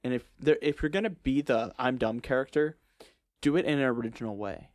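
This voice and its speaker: A man's voice: mid-range voice, a little fast, a little mellow, dry recording. A man co-hosting a podcast in casual chat, blunt and opinionated with a joking edge, recorded on a close mic. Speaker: podcast co-host.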